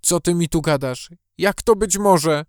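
A poor, god-fearing village mother, as a male storyteller puts her on, fretful and full of worried questions. The voice stays clear and smooth at a mid pitch, recorded close and dry. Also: moderate pace, no echo, close to an everyday voice. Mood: anxious. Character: poor, anxious, devout mother fearing for her sick daughter.

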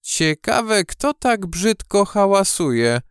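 A man voicing a cheerful, curious young female bee in a storybook audiobook, lively and playful. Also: high voice, takes it slowly, clear, resonant tone, no room sound, clean studio sound, pitched above the performer's own voice, full character voice.

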